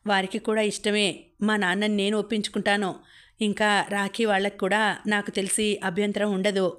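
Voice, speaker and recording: A woman voicing a hot-headed young man standing up for his sister, steady and fairly flat in tone, scolding and forceful, read aloud from a storybook. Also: mid-range voice, brisk, lightly acted. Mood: determined. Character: young man, fiery protective brother.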